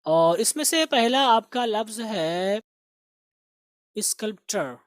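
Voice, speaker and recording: Teacher, slow explaining, repeats each word, medium pitch, dead dry close mic. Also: animated, dry recording. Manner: explains slowly, repeats words for pronunciation. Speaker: English teacher. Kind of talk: spoken grammar and vocabulary lesson.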